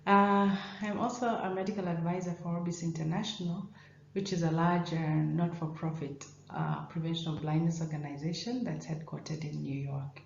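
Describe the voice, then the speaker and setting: Woman from Kenya, low voice, non-native English, measured lecture; echoey, slightly dull recording. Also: fairly even intonation, gravelly, a little hiss or hum. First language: not English. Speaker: professor of ophthalmology. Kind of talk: conference presentation.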